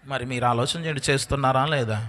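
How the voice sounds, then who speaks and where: A man preaching a sermon, firing questions at the congregation and answering them, his voice swinging between loud rising declarations and soft low drops. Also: fairly even intonation, fast. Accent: Telugu. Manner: call-and-response questions to the congregation. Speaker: pastor.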